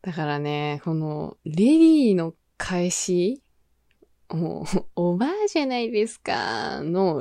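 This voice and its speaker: A young woman in her twenties speaks with a Kansai accent in an animated, bouncy voice that swings high and low. She hosts a relaxed solo radio chat, often laughing and playing out little scenes of her own. The sound is dry and close, with no room around it. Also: smooth, no echo. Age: 20s. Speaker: radio show host. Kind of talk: casual solo talk.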